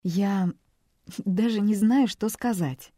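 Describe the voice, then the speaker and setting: Brief: woman doing a tearful young woman in an audiobook, trembling, warm tone. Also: mid-range voice, takes it slowly, dry recording, studio quality, pitched above the performer's own voice. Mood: embarrassed, polite. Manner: trembling, emotional.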